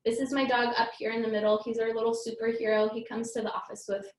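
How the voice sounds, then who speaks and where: A woman's voice: on the high side, level tone, fast, echoey room, a little hiss or hum, poor audio. A woman immigration attorney presenting slides in a live webinar, talking hesitantly with many filler ums and restarts. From United States (born in Iraq, raised in the US from age four).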